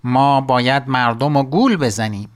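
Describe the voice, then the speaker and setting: A man's voice: mid-range voice, natural voice. A man voicing a sneaky, fawning servant of an evil sorcerer in a storybook tale. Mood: sly. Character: sly, wicked servant of a sorcerer.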